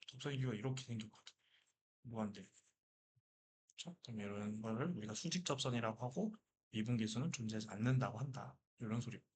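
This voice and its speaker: A man gives a math lecture in a slightly husky voice. He talks the class through each step, keeps throwing questions at them and answers them himself, with an easy, casual energy. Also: mid-range voice. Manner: lively, asks and answers his own questions. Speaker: math teacher.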